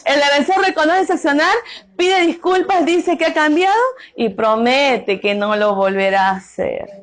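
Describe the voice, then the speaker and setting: A middle-aged woman with a high voice, teaching a group. She keeps asking the audience questions and answering them herself, tagging her points with quick questions. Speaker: workshop speaker on domestic violence. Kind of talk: interactive talk to a group.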